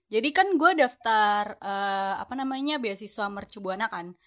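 A young adult university student tells her story in a casual, chatty way, using slangy Jakarta speech and plenty of fillers. Her voice is mid-range and animated, at a moderate pace.

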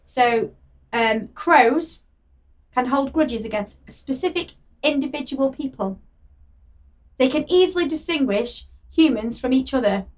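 A woman's voice: high-pitched, lively intonation, a little slow. A woman co-hosting a podcast in casual, jokey chat, often laughing. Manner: chatty and giggly, jokey. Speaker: podcast co-host.

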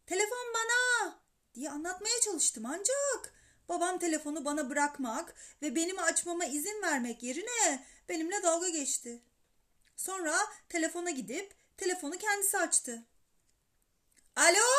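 A woman storyteller reading a children's story aloud in an animated, expressive way. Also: high-pitched.

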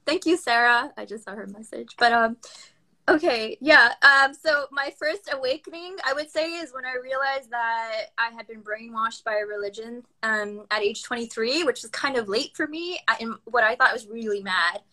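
A woman in her late twenties from the United States, a doctor talking as a podcast guest on a live video call, animated and laughing often. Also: on the high side, normal speed. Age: 20s. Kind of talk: casual conversation. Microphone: phone on a live video call.

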